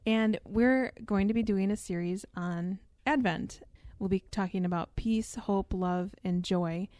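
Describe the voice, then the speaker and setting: A woman hosting a faith podcast, with a mid-pitched, mellow voice. She speaks in a friendly, conversational way. The recording is dry and close. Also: unhurried, no room sound. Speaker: podcast host. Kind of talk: casual chat.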